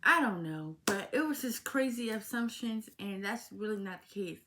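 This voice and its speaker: A woman's voice: mid-range voice, noisy background. An eighteen-year-old woman talking casually to her viewers in a heartfelt vlog Q&A, calling them y'all. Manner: talks slowly, informal and heartfelt, addresses viewers as y'all. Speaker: vlogger. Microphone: phone.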